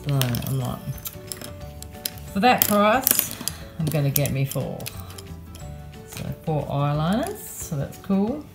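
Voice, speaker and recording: An Australian woman vlogger rambles casually about her shopping in a haul chat, full of ums and yeahs. Her voice is deep with big pitch swings and a slow pace, and she's recorded on a phone in a car at night with music playing behind her.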